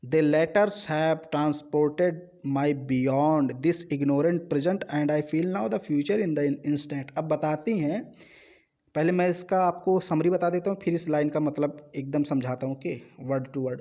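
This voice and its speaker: Male teacher explaining a play slowly. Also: on the high side, a little mellow. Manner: reads English lines slowly, then explains them at length; repeats words and checks in with "ok". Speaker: literature teacher. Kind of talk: line-by-line lecture explaining a play.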